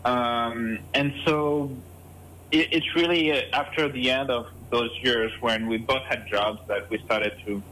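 Guest with a French accent, thirties, bright tense voice, hesitant and restarting. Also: male voice, medium pitch, fairly even intonation, measured pace, slight background noise, rough recording. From France. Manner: hesitant, many fillers and restarts. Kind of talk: casual interview answers.

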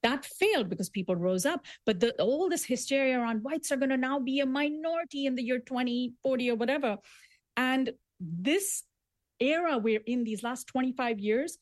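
A woman's voice: sits high, expressive, normal speed, no room sound. A woman born in Dubai, speaking as a guest author in an interview, making emphatic arguments with frequent restarts. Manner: earnest, emphatic, building arguments with repetitions. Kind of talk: conversational interview.

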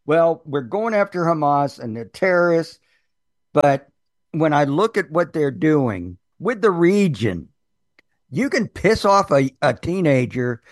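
A man interviewing a guest, asking measured questions. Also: a little high, no echo, studio quality.

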